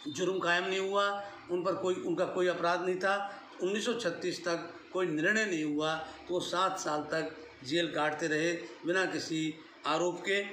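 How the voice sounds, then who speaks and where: A man's voice: fairly high pitch, a bit bright. A middle-aged man giving an unscripted history lecture, explaining at length and slipping English terms into his talk. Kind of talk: unscripted classroom-style lecture. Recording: echoey room with faint hiss.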